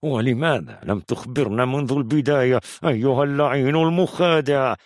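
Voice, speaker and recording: A man voicing a hostile, impatient armed young man who interrogates harshly, in a gravelly, husky voice. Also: wildly swooping pitch, a little fast, no room sound, clean studio sound, heavily acted. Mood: angry. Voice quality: gravelly, husky, higher than narrator. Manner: harsh, threatening, demanding questions. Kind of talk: audiobook character voice.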